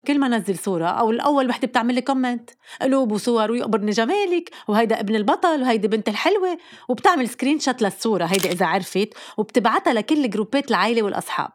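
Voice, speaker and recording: A woman's voice: on the high side, expressive, very fast. A woman with a Lebanese accent delivering a wry, teasing comedic monologue.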